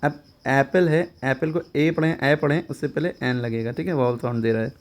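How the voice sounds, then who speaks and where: A man teaching English grammar in Hindi. He explains each point step by step, keeps asking if it is clear, and reads the English example sentences slowly. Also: mid-range voice. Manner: explains step by step, often checks understanding with questions.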